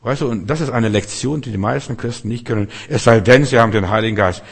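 A man's voice: medium pitch, quick pace, vocal fry, husky, big-room sound. A man preaching a sermon, emphatic and repetitive, speaking straight to his listeners with slightly broken grammar.

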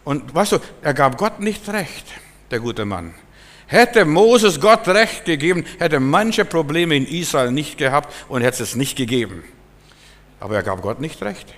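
A man's voice: a little high, animated, unhurried, fairly bright tone. A man preaching a sermon emphatically, acting out Bible scenes in different voices. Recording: long hall reverb.

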